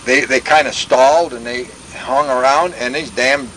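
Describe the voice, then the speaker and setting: An older veteran telling war stories in a rambling, folksy way, full of restarts and sound effects. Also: male voice, medium pitch, fairly even intonation, moderate pace, a bit bright, slight background noise, low-quality recording. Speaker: veteran interviewee. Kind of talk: oral history war reminiscence.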